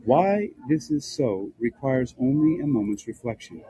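A man reading a nonfiction book aloud in a measured, formal, scholarly way, with a husky, rough-edged voice. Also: mid-range voice, mellow, rough recording. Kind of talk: scripted narration, reading aloud.

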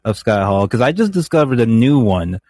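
A man's voice: medium pitch, sing-song, a little fast, a little mellow, no echo. A man hosting a wrestling call-in podcast, talking casually and enthusiastically to his panel and laughing often. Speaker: podcast host.

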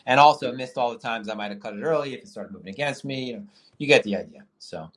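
A man's voice: mid-range voice, fast, a bit bright. A man hosting a live call-in podcast with casual trading talk, who rambles with lots of fillers and restarts, swears casually and has the hiccups. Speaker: podcast host.

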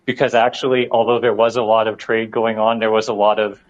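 A man's voice: lowish voice, little pitch movement, brisk. A man calling in to a show, rambling casually with many restarts and fillers. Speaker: caller. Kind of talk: casual call-in chat. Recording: dull lo-fi call line.

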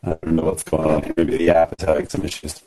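A deep, mellow-toned man talks through a phone call that keeps glitching, his voice jumping in pitch and dropping in and out. He sounds unhurried and easygoing, like a therapist chatting on a remote podcast link, and sits back from the phone. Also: completely flat delivery, a little hiss or hum. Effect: glitchy call audio with jumping pitch, cutting in and out. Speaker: psychotherapist guest. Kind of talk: casual conversation on a call.

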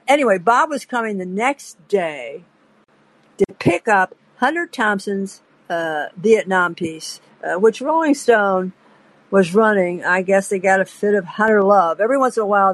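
Chatty and digressive, an older female podcast host rambles through lengthy anecdotes, breaking off now and then to laugh. She speaks at medium pitch and a moderate pace; the recording is rough, with no room sound.

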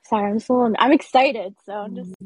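A woman's voice: medium pitch, fast, a little mellow, slightly rough, low-quality recording. A young woman calling in to a talk show, talking casually with lots of "like" and "um". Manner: chatty, with frequent "like" and "um". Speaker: caller to a live-streamed talk show. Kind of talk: casual call-in chat.

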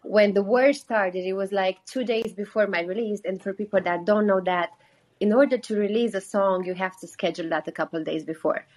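A young Romanian woman, a singer-songwriter, guests on a call-in interview, speaking with a Romanian accent. She chats earnestly and says "like" a lot, her mid-range, slightly mellow voice moving fairly quickly.

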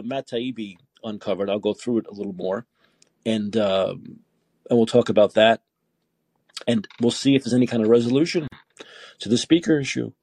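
Male call-in host, gravelly husky voice, loose rambling delivery, dry close mic. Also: medium pitch, darkish tone, no echo. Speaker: podcast host. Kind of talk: call-in talk show.

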